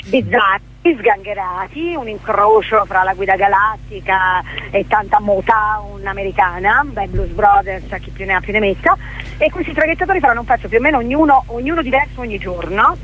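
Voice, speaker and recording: Over a narrow, tinny telephone line with slight background noise, a woman with a mid-range, somewhat bright voice speaks at a moderate pace. She's a theatre director guesting on a radio interview, explaining things spontaneously and often correcting herself.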